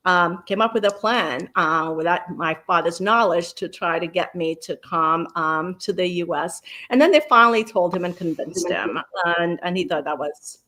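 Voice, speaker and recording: A woman, telling her story at a measured pace as an interview guest. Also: on the low side, bright, forceful tone. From Ethiopia. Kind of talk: interview conversation.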